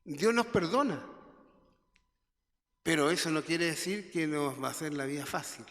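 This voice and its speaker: A man's voice: fairly high pitch, moderate pace, fairly bright tone. A man teaching a Bible lesson in church, reading verses aloud with small stumbles and checking in with rhetorical questions. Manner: reads scripture aloud with stumbles, asks the class rhetorical questions. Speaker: Sunday school teacher. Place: church hall. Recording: long hall reverb.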